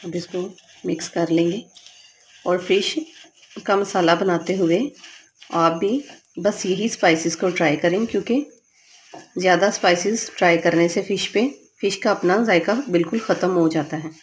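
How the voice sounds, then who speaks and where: A woman hosting a cooking channel, calmly explaining each step of a home recipe from her kitchen. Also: fairly low pitch, normal speed, a little hiss or hum.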